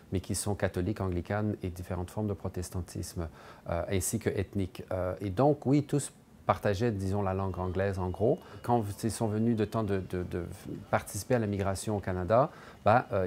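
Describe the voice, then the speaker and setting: A man's voice: deep voice, a little mellow, slight background noise. A man as an expert commentator, explaining in a thoughtful, hedging way with frequent fillers. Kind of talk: explanatory interview.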